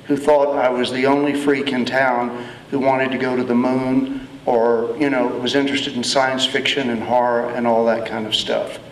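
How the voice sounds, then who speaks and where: A man from Texas giving a slow, heartfelt speech to an audience as a festival honoree. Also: medium pitch, flat delivery, a little hiss or hum. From Austin, Texas. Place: event hall. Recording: echoey hall from far off.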